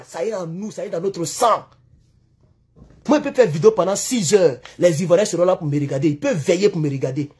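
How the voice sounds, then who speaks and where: An Ivorian YouTube commentator with an Ivorian French accent delivers a heated political rant in a high, husky voice. He is impassioned and accusatory, repeating himself for emphasis.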